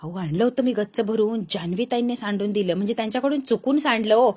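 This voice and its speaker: A woman voicing a dutiful young wife who keeps urging and fussing, in a high voice. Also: fast talker, mellow, breathy edge. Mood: arguing. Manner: urging, fussy.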